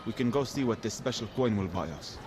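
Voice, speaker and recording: An actor playing a guarded, practical male travelling protector in a fantasy game, measured and serious. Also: on the low side, expressive, loud music behind the voice, lightly acted.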